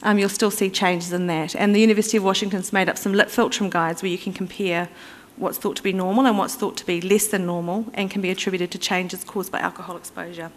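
With little pitch movement in her mid-range voice, a conference speaker explains her topic conversationally and fast, barely pausing. Fillers and restarts crop up in her delivery. She's recorded in a reverberant conference hall.

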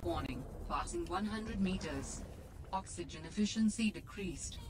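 A woman voicing a calm, impersonal computer assistant that gives clipped system announcements in a video game. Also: on the low side, unhurried. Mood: impersonal warning. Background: game music.

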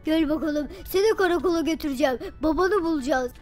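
A woman's voice: high-pitched, fast talker, darkish tone, faint music behind, voice pushed down, close to an everyday voice. A woman voicing a stern male police officer who scolds a child.

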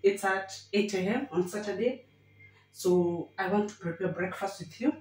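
A Kenyan woman in her thirties narrates her weekly home vlog from her kitchen in a chatty way, often repeating words for emphasis. Her voice is medium-pitched and darkish, at a normal speed, with slight background noise.

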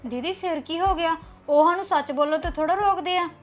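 A young actress playing a headstrong new bride who speaks bluntly and defiantly. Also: female voice, very high-pitched, fairly quick. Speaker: actor. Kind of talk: web series drama acting.

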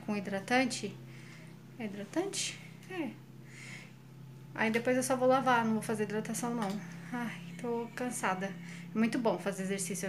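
A woman's voice: on the high side, noisy background. A woman with a Brazilian Portuguese accent, chatting casually to viewers in a home vlog filmed on a handheld phone. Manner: chatty, addresses viewers directly. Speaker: vlogger.

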